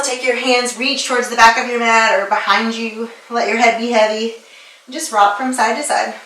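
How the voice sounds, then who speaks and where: Bright, bubbly woman teaching yoga. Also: fairly high pitch. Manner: upbeat and playful, laughs often, counts breaths. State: slightly out of breath from exercising. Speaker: yoga instructor and personal trainer. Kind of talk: guided yoga class instruction. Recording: echoey room, voice a bit far from the mic.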